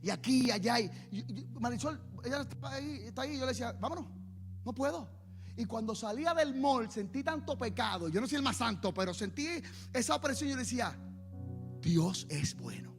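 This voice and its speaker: A man pastor preaching a sermon to a congregation in a church. He builds to loud exhortation and calls on the listeners to stand and respond. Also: very high-pitched, quick pace, music in the background. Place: church service before a congregation.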